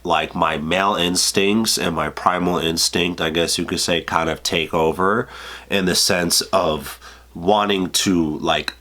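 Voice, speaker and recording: Here a twenty-something guy with a head cold offers dating tips straight to camera in a laid-back vlog. He speaks low and a bit bright, swearing freely and leaning heavily on filler words.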